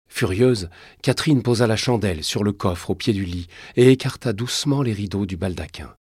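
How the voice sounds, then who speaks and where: Give me a man reading a novel aloud, husky voice, dead dry room. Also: deep voice, no echo. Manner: measured storytelling, dramatic. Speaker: narrator. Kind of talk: scripted narration of a historical novel.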